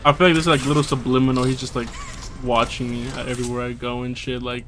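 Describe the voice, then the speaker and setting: A man giving let's-play commentary on a game, talking to himself in slangy, profane bursts and shouting when startled. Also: mid-range voice, level tone, fast talker, a little hiss or hum. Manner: slangy casual speech. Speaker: gaming video host.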